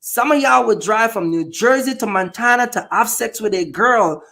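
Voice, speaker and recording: In a Jamaican accent, a channel host from Jamaica chats casually on his podcast, his high voice creaky, pushed, and bright at a normal speed. He argues bluntly and emphatically, returning repeatedly to the same points.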